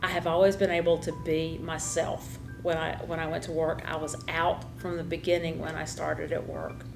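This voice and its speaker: Low, flat, gravelly woman. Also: normal speed, over music. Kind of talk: interview.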